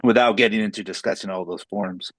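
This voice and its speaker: A podcast host explaining ideas about faith in a measured way. The voice is very low and husky. The recording is dry and close. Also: steady tone, no echo. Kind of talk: reflective faith discussion.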